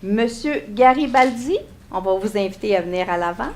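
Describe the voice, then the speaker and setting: A woman with a Quebec accent chairs a public meeting in a mid-pitched voice. She moderates questions as council chair, with faint room noise behind her. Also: expressive, moderate pace, darkish tone.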